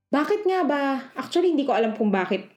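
A woman's voice: high voice, very animated, fast talker, a little mellow. A woman with a Filipino accent co-hosting a podcast in casual, slangy, playful chat full of exclamations. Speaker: podcast co-host.

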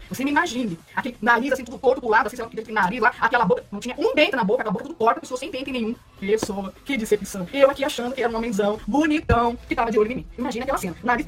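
A woman vlogger telling a comic story, rambling and repetitive, stacking little filler tags between every phrase. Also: a little high. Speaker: comedic vlogger.

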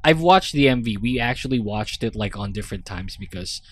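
A man's voice: lowish voice, animated, fairly quick, a little hiss or hum. Rowdy man hosting a podcast. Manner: rowdy, rambling, swears freely. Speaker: podcast host. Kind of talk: casual chat.

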